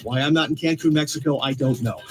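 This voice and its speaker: A man's voice: a little high, fairly even intonation, quick pace, faint music behind. A man chatting upbeat as a radio host.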